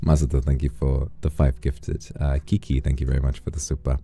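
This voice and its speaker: A man with a very low, mellow voice hosts a casual livestream. He talks to his viewers in a playful, effusive, affectionate way and reads out their messages. Music plays behind him. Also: level tone, fairly quick, slightly rough. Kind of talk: casual livestream chat, thanking and reading out messages.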